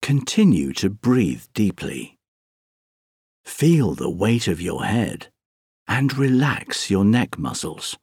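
A man narrating a scripted guided sleep meditation, speaking softly and breathily in a soothing, gentle, unhurried way with long pauses. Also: fairly low pitch, very animated, slightly rough, dry recording, clean studio sound.

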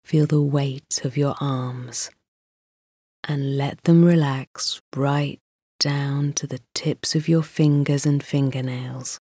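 A woman guiding a sleep meditation, speaking softly and soothingly and often dropping into a whisper. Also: extremely low pitch, steady tone, breathy edge, dry recording, studio quality. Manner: slow, soft, soothing, drifting into whispers. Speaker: meditation guide.

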